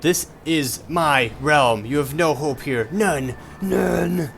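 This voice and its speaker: A man's voice: on the high side, slow, creaky, fairly bright tone, voice pushed up, exaggerated voice. A man voicing a haughty, wrathful goddess villain from a video game, reading the lines in a grandiose, menacing way. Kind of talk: reading game dialogue aloud dramatically. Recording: game music behind.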